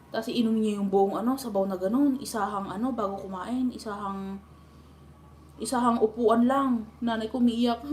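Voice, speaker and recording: Laughing often, a Filipino-accented woman shares family stories during a casual live stream chat. Her voice is fairly high and a little mellow, with slight background noise in the recording.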